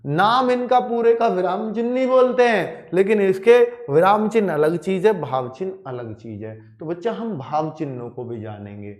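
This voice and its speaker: A man teaching a Hindi grammar class in a slightly high voice that swings up and down a lot. He talks to his students as children and keeps repeating key points and asking whether they follow. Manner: animated, addresses students as children, repeats and asks checking questions. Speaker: Hindi teacher for police exam prep. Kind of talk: classroom lecture to exam students.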